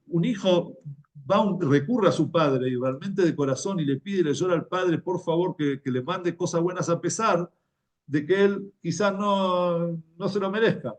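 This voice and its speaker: A man with an Argentine Spanish accent gives a Torah class in a relaxed, conversational way. His voice sits fairly high for a man, and he tells stories while often repeating his words. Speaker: religious teacher.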